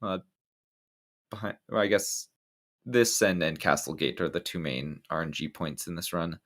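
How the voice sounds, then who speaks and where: A man with a low voice gives live speedrun commentary at a moderate pace, explaining routes in a relaxed way. He often says um and restarts his sentences.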